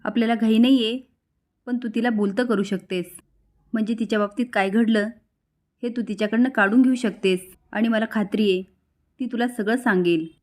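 A woman voicing a calm, reassuring elder brother who leads the family, in a serial recap. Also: fairly high pitch, a little fast, natural voice. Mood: earnest.

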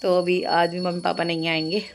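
A woman's voice: on the low side, completely flat delivery, brisk, music in the background. Chatty playful woman vlogging at home. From Almora, Uttarakhand, India. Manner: chatty and playful, coos in baby talk to her pet. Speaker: vlogger and housewife. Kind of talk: casual home vlog chat. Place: at home indoors.

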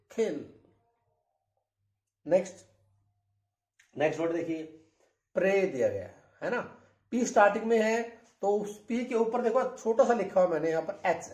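In an echoey room, a man with an Indian accent and a high, darkish voice gives a classroom-style English pronunciation lesson. He asks questions and repeats each word slowly several times as a drill.

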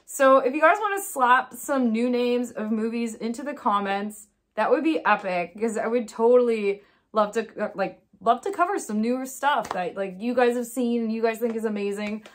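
A woman's voice: fairly high pitch, moderate pace, a little hiss or hum. Chatty woman reviewing horror films. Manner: chatty, filler-heavy, animated storytelling. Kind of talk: casual vlog review.

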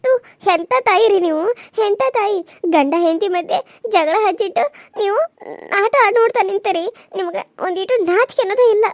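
Casting: woman voicing a very high, rapid-fire cartoon young wife, North Karnataka accent, defiant. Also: no room sound, studio quality. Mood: crying angry. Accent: North Karnataka Kannada. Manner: shrill, scolding, tearful outbursts. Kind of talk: Kannada cartoon serial voice acting.

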